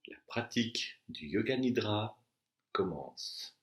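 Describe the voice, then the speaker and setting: A yoga nidra and meditation teacher with a fairly low voice guides a relaxation session, delivering instructions slowly and deliberately with long pauses between phrases. He sounds animated, and the room gives the recording a clear echo.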